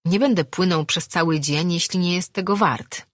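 A woman's voice: lowish voice, moderate pace, no echo, studio quality, close to an everyday voice. A woman voicing a cheerful, bold young sea-dwelling boy with a confident, teasing manner. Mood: doubtful.

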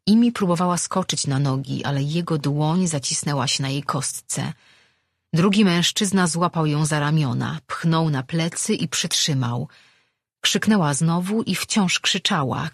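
Husky-voiced audiobook narrator. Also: medium pitch, no echo, clean studio sound. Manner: steady, measured storytelling. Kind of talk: scripted narration.

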